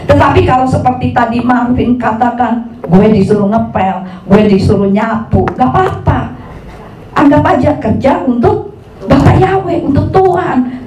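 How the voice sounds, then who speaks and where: A woman pastor preaching a lively sermon, dropping into slang and acting out the voices she quotes. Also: sits high, roomy sound, recorded from a distance, noisy background. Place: church hall.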